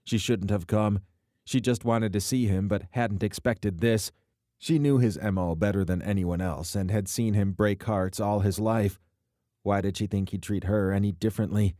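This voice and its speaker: Man, audiobook narrator, deep dark voice, steady reading, dry close sound. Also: normal speed, no echo. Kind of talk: scripted narration.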